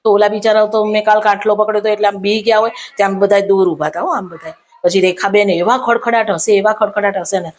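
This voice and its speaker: A woman spinning a comic monologue in a mid-pitched voice. She performs each exchange in her tale with lively back-and-forth. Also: quick pace, few pauses. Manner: animated, acts out dialogue in her anecdotes. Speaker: comedian storyteller.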